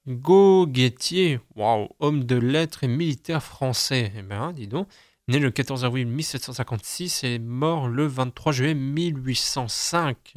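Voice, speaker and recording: A man's voice: mid-range voice, moderate pace, no room sound, studio quality. A young man hosting a casual reading of the day's almanac, chatty and self-mocking, often stumbling over his words. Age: young adult. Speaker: host.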